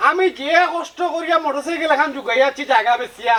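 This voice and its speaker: A man's voice: extremely high pitch, fast talker, bright, forceful tone, slight background noise. An actor with a Sylheti accent playing a stubborn father-in-law who complains and refuses to pay more. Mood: refusing. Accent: Sylheti Bengali. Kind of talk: rural comedy drama acting.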